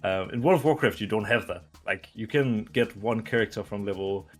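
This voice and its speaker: A man in his twenties from Denmark, a retired esports player answering interview questions in a relaxed, rambling way with many fillers. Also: on the low side, brisk, faint music behind. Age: 20s. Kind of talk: casual video interview.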